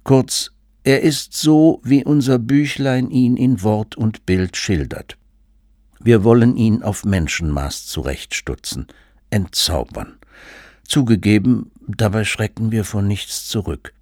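A man's voice: on the low side, slow pace, darkish tone, no room sound, studio quality. A man reading his humorous book aloud in an ironic, mock-solemn way.

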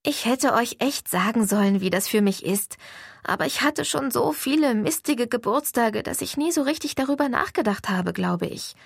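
A woman's voice: a little high, expressive, moderate pace, gravelly, slightly rough, no echo, clean studio sound. A woman reads a first-person audiobook in an intimate, confiding storytelling manner. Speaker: audiobook narrator.

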